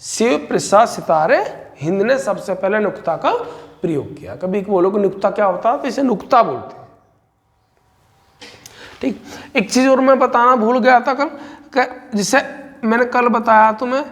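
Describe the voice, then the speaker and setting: A man teaching a Hindi exam-prep lesson, briskly repeating points and calling his students brother. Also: high voice, a bit bright, big-room sound.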